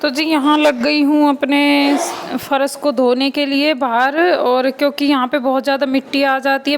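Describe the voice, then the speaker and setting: A woman's voice: high voice, low-quality recording. A young woman casually chatting to viewers as a vlogging mother, explaining her housework around the house and courtyard. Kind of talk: casual home vlog chat.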